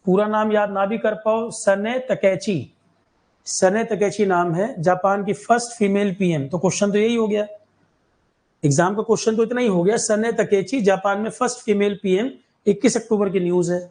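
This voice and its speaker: This Indian teacher's voice sits high with a darkish tone, moving at normal speed on a rough recording. In his exam-prep current affairs class, he keeps going back over the main facts and checks in with a repeated "clear?"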